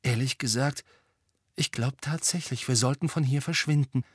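A man's voice: on the high side, very animated, moderate pace, fairly bright tone, breathy edge, no room sound, studio quality, pitched above the performer's own voice, exaggerated voice. A man voicing an anxious, rule-abiding teenage schoolgirl in an audiobook. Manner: nervous, worried.

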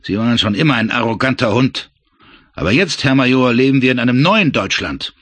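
A man voicing a blustering, resentful male Nazi officer who talks loudly and sneers. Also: mid-range voice, sing-song, normal speed, slightly rough, dry recording, voice pushed up. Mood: sneering. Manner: loud, sneering, indignant.

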